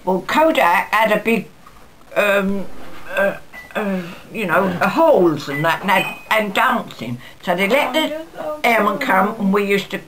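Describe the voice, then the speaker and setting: A woman's voice: mid-range voice, expressive, measured pace, rough recording. Very old Londoner woman reminiscing amid chatter. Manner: very old woman's chatty, rambling storytelling with acted-out dialogue. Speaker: interviewee recalling her wartime life. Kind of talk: casual spoken reminiscence. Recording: busy background chatter around the voice.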